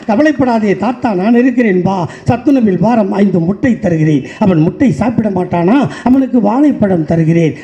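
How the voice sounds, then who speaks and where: A man giving a political stage speech, repeating sarcastic rhythmic refrains that rise into shouts. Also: high voice, dull audio. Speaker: political party speaker.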